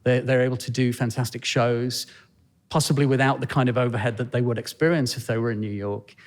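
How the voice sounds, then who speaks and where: A man answering interview questions as a podcast guest, speaking thoughtfully with frequent pauses and restarts. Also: mid-range voice, steady tone. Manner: thoughtful, hesitant, many fillers and restarts. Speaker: podcast guest, fashion designer. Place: penthouse room in Manhattan.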